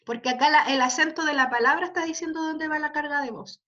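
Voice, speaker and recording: A woman with a high, quick, fairly bright voice teaches an online literature class, heard through dull lo-fi audio. She patiently walks students through examples and constantly checks in with tag questions.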